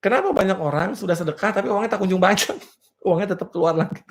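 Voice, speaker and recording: A fast-talking man with a high voice leads a motivational business seminar for in-person and online attendees. Playful and full of rhetorical questions, he laughs at his own jokes and often asks the audience "clear?"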